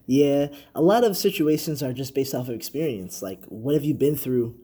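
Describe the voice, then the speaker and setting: A man's voice: mid-range voice, lively intonation, normal speed, dark tone, breathy edge. A young man co-hosting a casual podcast, easygoing and reflective, laughing along. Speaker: podcast co-host.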